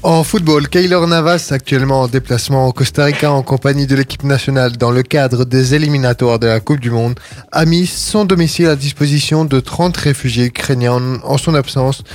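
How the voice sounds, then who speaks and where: A man's voice: medium pitch, brisk. A man reading short sports news items fluently on a radio show. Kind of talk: read sports briefs.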